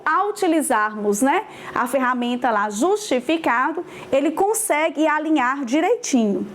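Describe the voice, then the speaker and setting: A woman teaching a grammar lesson in a high voice at an unhurried, deliberate pace. She repeats each key point and keeps checking in with her students. A faint hum of room ambience sits behind her. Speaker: Portuguese teacher.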